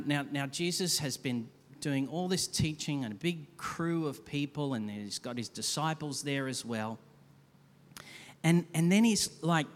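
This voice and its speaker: A man with a fairly high voice preaches a sermon in a chatty, lively way, tossing in asides as he goes. His voice carries a long reverb from the church hall, and he sounds a little distant from the stage mic. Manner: conversational, animated preaching with quick asides. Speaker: pastor.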